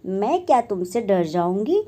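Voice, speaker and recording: A woman's voice: medium pitch, big pitch swings, a little slow, mellow, voice pushed down. A woman voicing a boastful, cheeky little female fly in a storybook reading, taunting in a raised voice. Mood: defiant.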